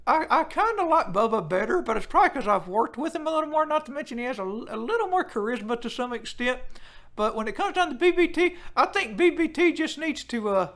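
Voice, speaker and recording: A man putting on a high, swaggering wrestling-fan loudmouth. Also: fast, heavily acted. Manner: crude, swears freely, excitable outbursts. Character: brash loud-mouthed male wrestling fan persona. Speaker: livestream host reading chat. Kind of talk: chatty live-stream commentary.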